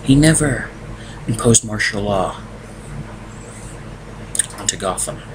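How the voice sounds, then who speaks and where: A man's voice: lowish voice, animated, takes it slowly. A young man casually reviewing a film from a room at home, exasperated and ranting. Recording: noticeable background noise.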